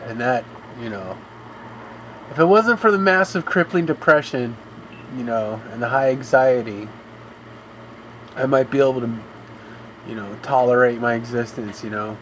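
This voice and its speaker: A man's voice: medium pitch, unhurried, pauses often, slight background noise, rough recording. Male game streamer, rambling and complaining, mid-range voice. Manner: rambling, complaining, fills with "you know". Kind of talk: live gameplay commentary.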